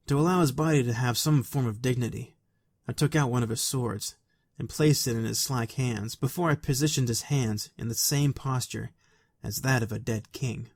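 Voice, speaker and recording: A man narrating a fan story aloud in a quiet, even, soft-spoken way. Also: mid-range voice, no room sound.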